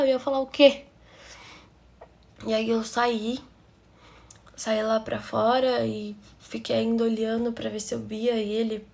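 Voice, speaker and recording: A woman's voice: a little high, vocal fry, darkish tone. A woman with a Brazilian Portuguese accent narrating a personal story for her channel in a confiding, emotional way.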